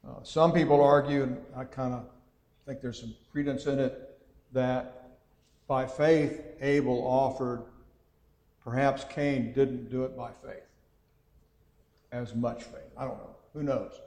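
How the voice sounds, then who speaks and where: A man teaching a Bible class in a conversational way, thinking aloud with frequent pauses and reading scripture passages aloud. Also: mid-range voice, fairly even intonation, darkish tone. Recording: echoey hall with long reverb.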